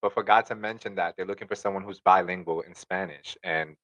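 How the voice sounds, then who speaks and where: A young man, co-hosting a podcast in casual chat. He talks quickly in a low voice. He keeps tagging his sentences with "you know" and "right?". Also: steady tone, a bit bright, poor audio. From Dominican heritage, New York City. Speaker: podcast co-host.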